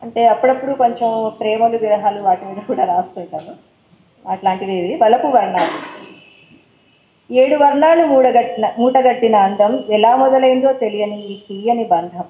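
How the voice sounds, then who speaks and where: Woman, Telangana accent, poet at a forum recital; casual chat mixed with English words, then rhythmic verse; slightly high voice; roomy, dull hall sound. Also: moderate pace, slight background noise. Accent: Telangana Telugu. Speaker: poet reading her own work. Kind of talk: poetry recital with chatty introductions. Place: stage at a poetry forum event.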